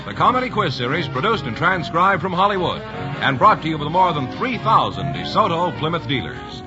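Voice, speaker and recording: Male announcer, showy and booming, very lively pitch, music bed; muffled 1950s radio. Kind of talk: scripted radio announcing with sponsor reads.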